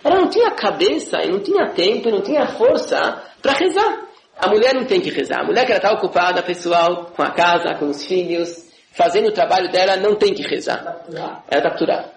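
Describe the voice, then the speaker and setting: A man giving a classroom religious lesson, animated and often checking in with his listeners. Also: sits high, brisk, vocal fry, echoey room, slight background noise, poor audio. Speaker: religious teacher.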